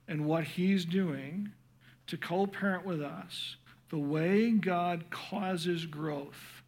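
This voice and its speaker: A middle-aged man gives parents an earnest, passionate sermon, stumbling over restarts. His slightly high voice grows hoarse as he loses it.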